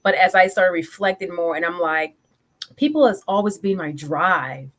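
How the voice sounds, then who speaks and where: A woman in her forties from Guyana, a business coach and military veteran, is a guest on a podcast interview. Her low-ish, slightly bright voice is expressive and moves at normal speed as she talks eagerly and energetically, often pausing to correct herself.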